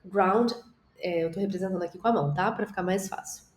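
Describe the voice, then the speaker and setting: A woman teaching an English lesson with gestures, speaking to the viewer in an encouraging way and drawing out the model sentences slowly for repetition. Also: fairly low pitch, steady tone, a little mellow, echoey room, slight background noise.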